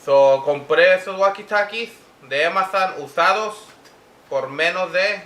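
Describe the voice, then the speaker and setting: A vlogger with a high-pitched, somewhat bright voice does a casual unboxing review for viewers at normal speed. He speaks hesitantly, switching between two languages, in an echoey room with faint background noise.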